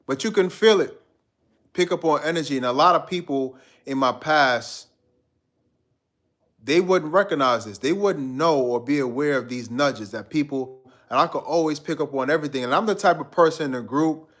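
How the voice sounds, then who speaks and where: This livestream host is a man from Guyana whose mid-range voice has a fairly bright tone. He rambles casually in slang with his audience and reads out the comments they post.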